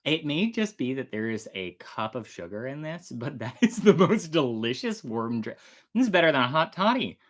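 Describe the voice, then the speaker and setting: With a medium-pitched, very animated voice at a moderate pace, a storytelling show host addresses an online audience on a casual livestream. The delivery to camera is chatty and theatrical.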